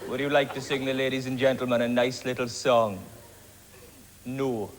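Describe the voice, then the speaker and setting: A Welsh man doing a deliberately inept ventriloquist comedy act, with mock-earnest patter. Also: medium pitch, little pitch movement. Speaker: comic ventriloquist. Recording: echoey hall with background noise.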